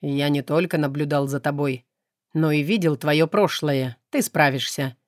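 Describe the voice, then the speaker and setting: A woman's voice: sits low, no echo, studio quality, pitched below the performer's own voice, close to an everyday voice. Woman voicing a cool detached demon. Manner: unhurried, detached, flat delivery. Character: calm aloof male demon, cool and self-assured. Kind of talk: audiobook character reading.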